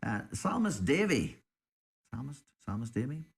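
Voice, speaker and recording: A man's voice: mid-range voice, sing-song, moderate pace, creaky, breathy edge. A man co-hosting a podcast, chatting off the cuff in a hesitant, appreciative way as he reads out listener suggestions. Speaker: podcast co-host. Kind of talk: casual unscripted chat, reading out listener suggestions.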